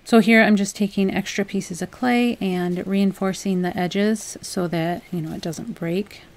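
A young adult woman hosting a home crafts channel, talking through a project in a relaxed, chatty voice-over with frequent "um"s. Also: mid-range voice, a little slow. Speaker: DIY crafts channel host. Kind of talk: casual voice-over tutorial.

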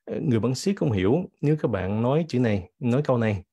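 A man teaching English vocabulary in a bilingual lesson, with a cold that makes him clear his throat, reading example sentences slowly. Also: medium pitch, animated, warm tone, no echo. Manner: switches between English and Vietnamese, reads example sentences slowly.

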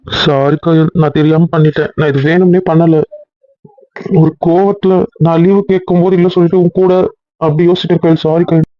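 A man pleads and apologizes in quick, flat-toned speech in an audio drama. His voice sits a little high. The recording is dull and dry. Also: no room sound. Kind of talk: Tamil audio drama acting.

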